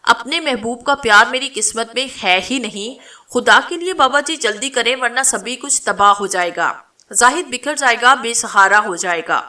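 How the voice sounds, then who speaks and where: A woman's voice: fairly high pitch, expressive, pushed and bright. Komal, a desperate snake-woman, as a narrator reads her. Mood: pleading. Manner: tearful pleading.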